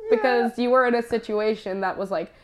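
A woman with a somewhat high voice hosts a casual podcast. She asks her guest questions and keeps him going with quick, encouraging replies. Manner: interviewing with short encouraging replies. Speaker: podcast host. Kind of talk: casual chat.

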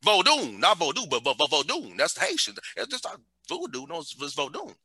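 A man's voice: fairly high pitch, wildly swooping pitch, a little fast, bright, forceful tone, husky, no echo. A man in casual conversation, talking animatedly and repeating words for emphasis.

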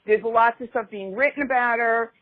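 A woman's voice: on the high side, normal speed, dry recording. A woman co-host talks in loose, rambling chat, with wry asides about herself. Her voice comes through a thin, phone-like line. The sound is dry, with no room around it. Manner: chatty, rambling, self-mocking asides. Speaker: podcast co-host. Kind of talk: casual chat.

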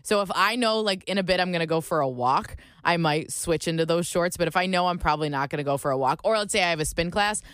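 A woman's voice: lowish voice, fast, few pauses, a bit bright, no echo. A woman co-hosting a radio show from a studio, chatting in an informal, conversational way. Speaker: radio co-host. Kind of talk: casual chat.

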